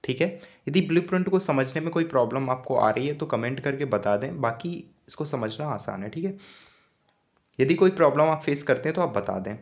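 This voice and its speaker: A patient man explains grammar to students at a calm, even pace, and he keeps asking questions and answering them himself. His voice sits in the middle range, and the recording sounds a little dull and lo-fi. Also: mid-range voice, brisk. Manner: patient, repeats key points as questions. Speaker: teacher. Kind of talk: explaining an English grammar lesson.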